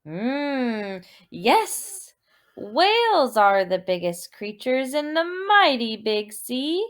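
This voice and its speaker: In a voice that sits high, a woman teacher reads aloud a children's movement story with deliberate expression, using questions and repeated words to prompt her listeners.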